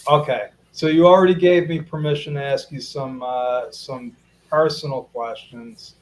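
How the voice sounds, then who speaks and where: A man's voice: mid-range voice, fairly even intonation, normal speed, rough recording. A man hosting a casual live interview, chatty, repeating himself and talking to viewers as folks. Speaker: interview host.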